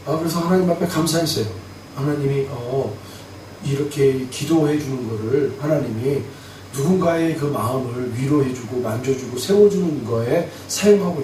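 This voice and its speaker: Man, pastor, animated sermon storytelling, slightly high voice, very echoey church hall, mic at a distance. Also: a little hiss or hum. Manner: animated storytelling, acts out dialogue. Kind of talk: sermon with personal testimony. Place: church sanctuary.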